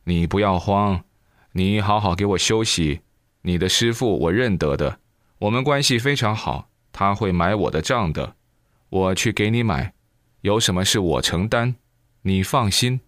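A man voicing a kindly older male host who calmly reassures a guest. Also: fairly low pitch, measured pace, no echo, studio quality. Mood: reassuring. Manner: soothing, reassuring.

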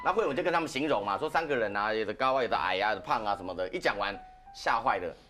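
A man's voice: lowish voice, expressive, very fast, sharp tone. A man casually telling a ghost story on a podcast, chatty, with frequent "ha" particles. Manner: chatty, laughs between lines, frequent "ha" particles. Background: background music.

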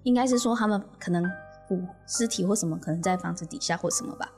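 A woman with a Taiwanese Mandarin accent, hosting a podcast and telling a spooky story in a casual, animated way, often laughing as she goes. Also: lowish voice, quick pace, soft background music. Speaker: podcast host.

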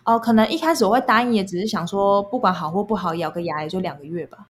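A woman's voice: mid-range voice, quick pace, a little hiss or hum. Young Taiwanese-accented woman, casual and candid. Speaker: guest recounting past jobs. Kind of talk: casual conversational storytelling.

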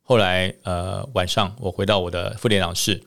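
A man telling a story on a podcast, a former army officer, lively with many drawn-out fillers. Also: deep voice, gravelly.

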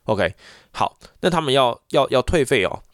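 A man's voice: medium pitch, normal speed, no room sound, studio quality. A man, a voice teacher, ranting in a casual monologue full of repeats and restarts. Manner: animated, repetitive ranting with frequent restarts.

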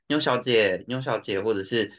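A man's voice: fairly low pitch, normal speed, a bit bright. A man with a Taiwanese Mandarin accent chatting casually and explaining with examples, dropping in some Japanese and English words. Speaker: podcast speaker living and working in Japan. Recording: dull, lo-fi audio.

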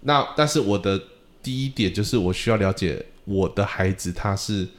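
Male podcast host and drum teacher, lowish voice, animated storyteller who plays out conversations. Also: normal speed. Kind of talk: casual podcast chat.

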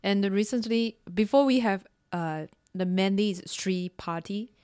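A woman talks casually on a podcast, hesitating over her English. Her voice is clear and resonant and sits in a middle range. It is recorded dry and close. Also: medium pitch, unhurried, dark tone, no echo. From Taiwan. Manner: hesitant non-native English with many fillers. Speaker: podcast co-host. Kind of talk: casual discussion.

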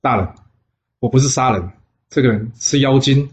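A man doing a calm old fortune-teller. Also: medium pitch, moderate pace, close to an everyday voice. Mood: matter-of-fact. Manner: calm and matter-of-fact. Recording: dull lo-fi sound.

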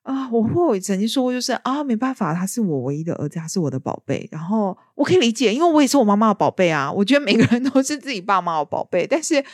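A woman hosting a casual podcast chat, telling her stories with lively energy. Her pitch sits in a middle range for a woman. She is recorded close to the mic in a dry space with almost no room sound. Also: no room sound. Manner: lively storyteller. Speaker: podcast host.

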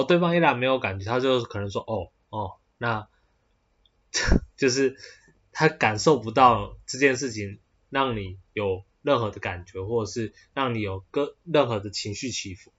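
Husky Taiwanese-accented man, rambling. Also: mid-range voice, a bit bright, highs cut off. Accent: Taiwanese Mandarin. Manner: rambling, with many hesitant fillers and restarts. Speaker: podcast host. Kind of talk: casual solo podcast talk.

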